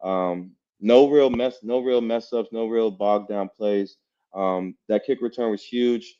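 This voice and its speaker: Guy with a lowish voice chatting football, lots of you know, kinda muffled lo-fi audio. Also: measured pace. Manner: relaxed, repeats himself, many "you know"s. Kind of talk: casual sports chat. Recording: dull lo-fi sound.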